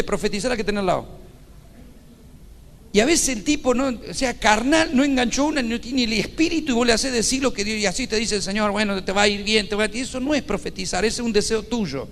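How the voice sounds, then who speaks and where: A pastor preaches in an emphatic, repetitive style, driving his points home. His man's voice sits high for a man. It rings out with a long hall reverb, as in a church. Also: a bit bright, slight background noise. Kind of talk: sermon.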